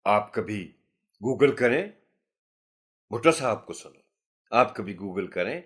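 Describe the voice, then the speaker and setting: A man from Pakistan giving a teacher-training lecture, asking rhetorical questions and answering them himself, and slowing sharply to stress key headings. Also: fairly low pitch, expressive, slightly rough. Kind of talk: classroom lecture.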